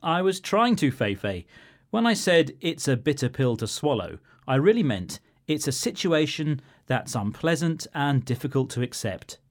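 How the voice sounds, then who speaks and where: A man co-hosts a scripted language lesson in a studio. He explains things in a sympathetic, gently teasing way. His pitch is lively and moves around a lot. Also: normal speed. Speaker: co-host.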